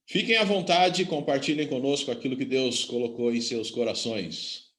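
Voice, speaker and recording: A man's voice: medium pitch, moderate pace, fairly bright tone. A male church leader welcomes the congregation and leads a prayer in a formal pastoral tone. His voice rings with the echo of the church room.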